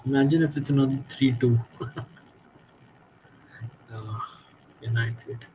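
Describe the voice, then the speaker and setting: A man's voice: medium pitch, steady tone, slow pace, darkish tone, a little hiss or hum, rough recording. A tired man hosting a late-night football watchalong, giving frustrated, critical reactions to the game as it happens. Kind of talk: live match commentary and reaction.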